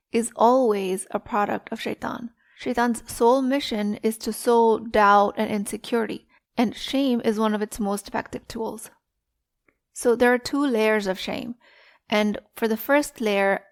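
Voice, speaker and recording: Woman coach talking slow and steady, kinda high voice, calm teaching vibe. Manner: calm, deliberate, instructive. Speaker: life coach. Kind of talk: solo podcast teaching.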